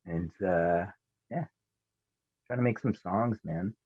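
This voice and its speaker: Low-pitched and slow, a male musician being interviewed talks in a relaxed, meandering way full of fillers. The remote audio sounds tinny like a phone line, with no room sound.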